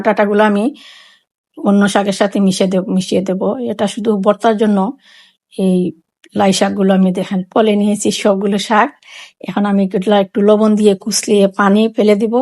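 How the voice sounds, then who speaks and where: A woman's voice: mid-range voice, a little mellow. Chatty woman with a Sylheti accent. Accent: Sylheti Bengali. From Sylhet, Bangladesh. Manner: chatty, repeats phrases, explains each step. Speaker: cooking vlogger. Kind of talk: casual cooking demonstration.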